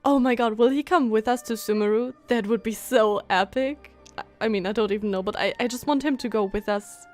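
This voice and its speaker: A young woman streamer gushes over a video game in casual live commentary, her fairly high voice moving a little fast. She sounds excitable and giggly, with game music playing behind her.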